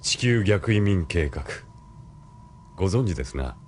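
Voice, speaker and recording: In a Japanese audio drama, a male actor with a low, expressive voice plays a cool, formally polite military colonel. He speaks in a measured, probing way, composed and formal, with a little hiss or hum in the recording.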